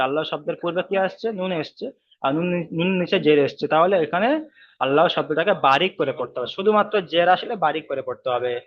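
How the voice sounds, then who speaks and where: A man's voice: a little high, muffled recording. A man teaching Quran reading in an online class, explaining each rule step by step, repeating it, and drawing out the recited example words.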